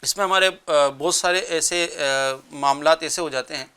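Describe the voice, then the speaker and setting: A man talking earnestly about gently correcting others on a religious talk show, explaining with pauses. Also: a little high, clean tone. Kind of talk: conversational religious advice talk.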